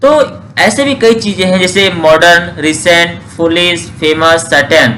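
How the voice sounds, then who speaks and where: Male teacher, lesson delivery, high and bright tone, slow drilled examples. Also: slight background noise. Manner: drills word forms slowly, asks and answers own questions. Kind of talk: grammar lesson.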